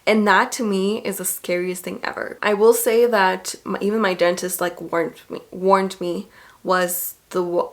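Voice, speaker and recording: A young woman vlogger with a medium-pitched voice retells stories to the camera. Her delivery is casual, chatty, and animated.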